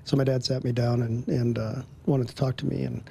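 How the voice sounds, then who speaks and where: A man telling a personal story in an interview, relaxed, with frequent ums and little chuckles between phrases. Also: medium pitch, a little fast, vocal fry, husky. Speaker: guest.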